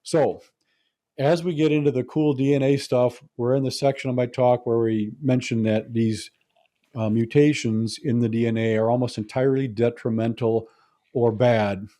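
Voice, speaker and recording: A man's voice: mid-range voice, fairly even intonation, normal speed, warm tone. A man giving a lecture to an audience, explaining his points in a conversational, humorous way. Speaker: speaker.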